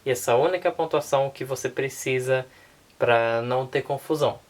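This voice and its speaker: A woman with a Brazilian Portuguese accent giving a casual online language lesson, relaxed and unhurried, often checking in with her listeners. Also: rumbling low. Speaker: language teacher.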